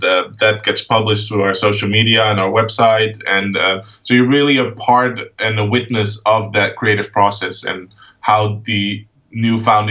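A Dutch man in his thirties talks about his project, pausing often and restarting his sentences. His voice is bright and forceful. He sounds distant from the mic, with dull, lo-fi audio. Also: lowish voice. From Netherlands. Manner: halting, many fillers and restarts. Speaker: guest, art project founder. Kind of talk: casual interview.

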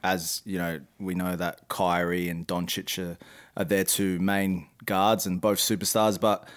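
A man's voice: sits low, little pitch movement, a little slow. A man co-hosting a casual sports podcast, speaking with many ums and rattling off game stats. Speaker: podcast co-host.

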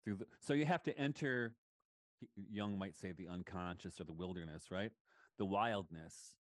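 Low-voiced man talking ideas, dry sound. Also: normal speed, dry recording. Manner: thoughtful, rambling, retells scenes with enthusiasm. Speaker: college lecturer. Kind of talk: casual conversation.

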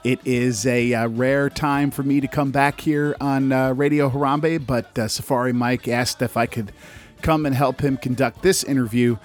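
A man hosting a podcast in a casual, rambling and halting way as he introduces an interview. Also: mid-range voice, steady tone, soft background music. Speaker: podcast host.

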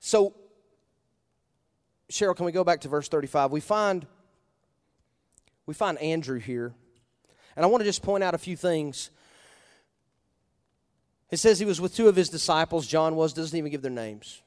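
Male pastor, slightly raised pitch, chatty sermon delivery with rhetorical questions and loud bursts, church hall with long echo. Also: lively intonation, normal speed, pauses often. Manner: conversational preaching with rhetorical questions and sudden loud emphasis.

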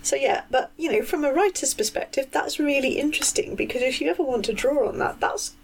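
A woman's voice: high-pitched, animated, fairly quick, slight background noise, rough recording. A woman co-hosting a podcast, chatting casually about books and writing, given to ranting with lots of fillers. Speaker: podcast co-host.

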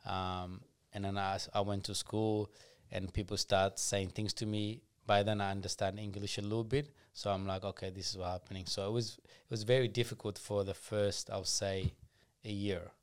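A man, on a podcast as a guest, talking through his story in a soft-spoken, unhurried way. His voice sits low and smooth, with very little rise and fall. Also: flat delivery. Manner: soft-spoken, unhurried, acts out his younger self in quotes. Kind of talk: casual storytelling.

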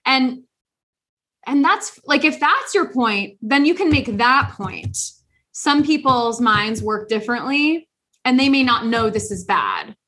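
Telling a long story on a casual podcast she co-hosts, this young woman rambles animatedly, restarting often and using lots of fillers. Her voice is a little high and her pace measured.

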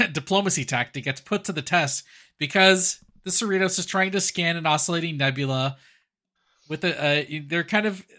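A man's voice: on the high side, normal speed, sharp tone. A man co-hosting a podcast, easygoing and agreeable in casual chat. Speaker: podcast co-host.

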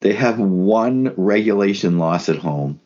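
A man's voice: lowish voice, lively intonation, unhurried, darkish tone, lo-fi sound, a little hiss or hum. A man co-hosting a sports podcast, thinking aloud with restarts and emphatic repeats. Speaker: podcast co-host. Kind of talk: casual sports chat.

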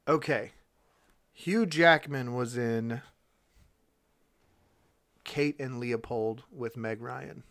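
A man's voice: medium pitch, drawn-out words, long pauses, fairly bright tone, dry recording. A man playing a movie trivia game, joking around and laughing often in casual chat. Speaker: game player.

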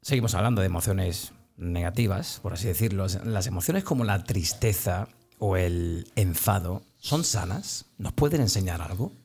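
A man's voice: low-pitched, expressive, normal speed, few pauses, darkish tone. A man interviewing a guest with engaged, affirming questions. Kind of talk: conversational interview.

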